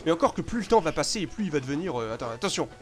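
A man commenting live on his own video game play, excitable, swearing often, with sudden loud outbursts that drop back to mutters. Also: fairly high pitch, rapid-fire. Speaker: gameplay commentator.

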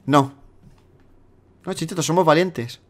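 A man, chatting and playing a game with a friend, excitable and quick to shriek. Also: a little high. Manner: excitable, squeals and shrieks when startled. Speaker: gamer playing together online. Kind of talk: casual let's-play banter.

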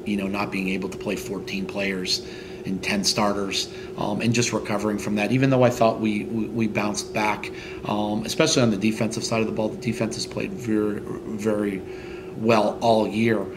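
A middle-aged man, a head football coach, answering post-game interview questions in a halting way, with many fillers and restarts. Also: lowish voice, level tone, noisy background. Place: indoors in front of a team logo backdrop.

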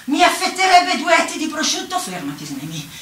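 A woman's voice: high-pitched, brisk, slight background noise, heavily acted. A woman voicing a clumsy, exasperated old cartoon witch in a comic stage monologue, exclaiming and laughing as she talks. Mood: chatty. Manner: animated, exclamatory, laughs while talking. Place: outdoor town square stage. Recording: echoey, from far off, faint ambience.

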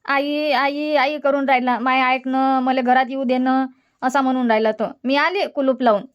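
A woman's voice: high voice, steady tone, normal speed, smooth, muffled recording, close to an everyday voice. A woman voicing a bitter, stubborn elderly village mother in a cartoon comedy, scolding and dismissive. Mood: complaining.

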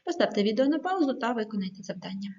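A woman teacher giving a video lesson to schoolchildren, dictating words slowly and clearly with the odd hesitant filler. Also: a little high, sing-song, darkish tone. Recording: dull lo-fi recording.

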